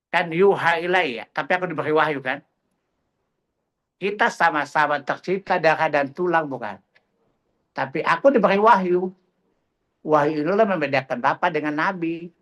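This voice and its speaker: A middle-aged man leads a religious study class with a fairly high-pitched voice. He preaches in a fiery, combative way, mocking opponents and hammering his listeners with rhetorical questions. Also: a bit bright.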